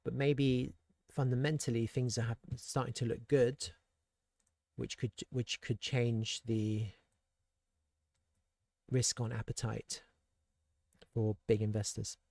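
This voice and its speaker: A man's voice: medium pitch, level tone, slow, creaky, long pauses, darkish tone, dry recording, studio quality. A man giving casual, thinking-aloud commentary on crypto charts and world events, with rhetorical asides and frequent restarts. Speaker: crypto market analyst.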